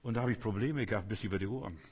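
A man's voice: lowish voice, very fast, a little mellow, breathy edge. A man preaching a sermon with emphatic repetition, sometimes acting out complaining voices. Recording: long hall reverb.

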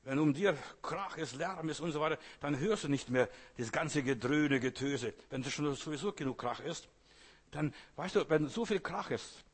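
A man's voice: fairly high pitch, lively intonation, moderate pace, slightly rough. A man preaching a sermon, speaking earnestly in short repeated phrases and addressing the listener directly.

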